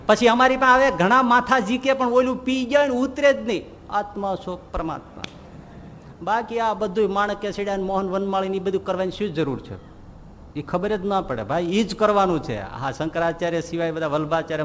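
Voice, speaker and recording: A swami giving a sermon, telling funny stories and acting out the people in them. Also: male voice, high voice, brisk. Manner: lively storyteller, acts out characters' lines and chuckles at his own jokes. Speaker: swami giving a scripture discourse. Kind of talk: sermon with humorous anecdotes. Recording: long hall reverb with faint background noise.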